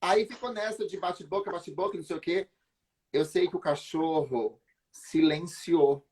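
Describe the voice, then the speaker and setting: A man's voice: a little high, normal speed. Brazilian man telling a comic story. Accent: Brazilian Portuguese. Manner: lively storyteller, acts out quotes, laughs often. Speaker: guest. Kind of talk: animated comic anecdote.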